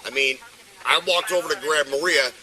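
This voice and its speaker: A man's voice: a little high, normal speed, sharp tone, low-quality recording. A drunk middle-aged man rambling and swearing as he tells his side, picked up outdoors by a police body camera. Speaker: resident in a neighbor dispute. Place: outdoors on a residential street. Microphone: officer's body camera.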